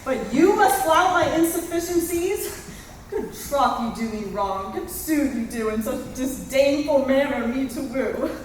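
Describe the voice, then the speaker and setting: A woman's voice: high-pitched, lively intonation, a little slow, a little hiss or hum. A young woman playing a lovelorn young Athenian woman in a school stage play, pleading and plaintive. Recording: echoey hall from far off.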